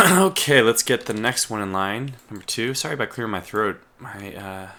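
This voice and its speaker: At normal speed, a lowish, animated, sharp-toned voice mutters casual gameplay commentary over keyboard typing. The man is playing a strategy game and his voice is failing, so he keeps clearing his throat.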